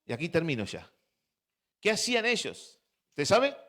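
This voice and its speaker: Fervent Argentine pastor, higher voice. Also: male voice, huge pitch swings, normal speed. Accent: Argentine Spanish. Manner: fervent, quizzes the congregation with repeated questions; swings between hushed and loud delivery. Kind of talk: sermon. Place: church service.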